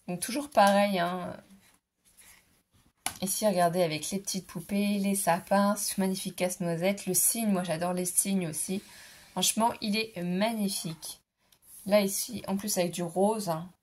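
In a relaxed show-and-tell of scrapbooking purchases, a woman with a slightly mellow, mid-range voice enthuses over everything as "trop mignon." Her voice is giving out a bit, and she stops to clear her throat.

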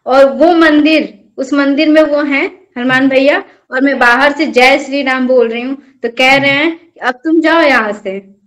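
A woman's voice: sits high, fairly even intonation, moderate pace, few pauses. A young woman earnestly recounting a personal devotional experience as an interview guest, telling it as a story. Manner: earnest, storytelling, addresses host as bhaiya. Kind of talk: personal testimony in conversation.

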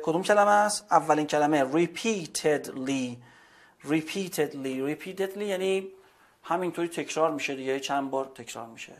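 High-voiced teacher reading English slowly. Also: male voice. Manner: reads English slowly, explains in Persian. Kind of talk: classroom vocabulary lesson.

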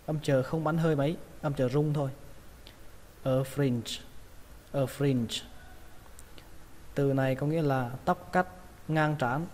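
A man's voice: fairly high pitch, fairly even intonation, fairly quick, a little mellow. A man with a Vietnamese accent teaching English pronunciation, patiently repeating each word. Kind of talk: pronunciation lesson. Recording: long reverb, faint ambient noise.

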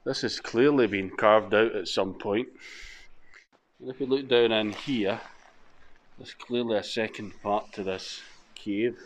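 A man's voice: lowish voice, fairly even intonation, unhurried, long pauses, slight background noise. A man in his forties, chatting and thinking aloud as he explores the countryside and a cave for his vlog. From Scotland. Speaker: motorcycle vlogger. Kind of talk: casual vlog narration. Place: outdoors in countryside and a rock cave.

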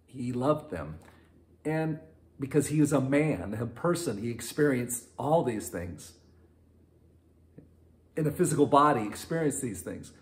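Animated pastor with lively pitch. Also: male voice. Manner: animated, rises high and loud when acting out quotes, laughs often. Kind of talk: casual online Bible teaching.

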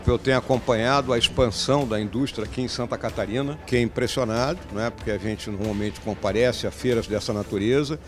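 A man in his sixties giving a measured interview at a trade fair, tacking on tag questions as he explains. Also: mid-range voice, soft background music. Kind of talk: interview soundbite. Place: indoor exhibition hall. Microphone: handheld interview mic.

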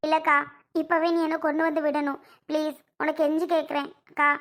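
A woman's voice: high voice, level tone, a little fast, natural voice. A woman playing a young mother begging to go home. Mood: pleading. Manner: pleading, insistent, worried. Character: anxious young mother pleading to return to her child. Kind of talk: amateur family drama skit.

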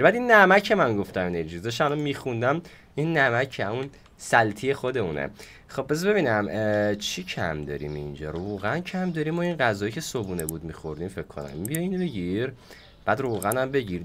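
A hoarse man giving casual gameplay commentary as a gaming YouTuber host, playful and chatty with his viewers. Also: mid-range voice, a bit bright. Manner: playful, chatty, talks to viewers while playing.

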